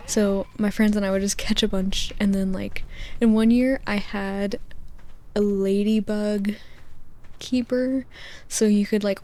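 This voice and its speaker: Girl talking real soft into the mic, asmr rambling, warm mellow voice. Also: medium pitch. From United States. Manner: gentle, rambling, with whispered asides and soft laughs. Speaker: gaming channel host. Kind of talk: soft-spoken ASMR rambling over gameplay. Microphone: close microphone, spoken softly.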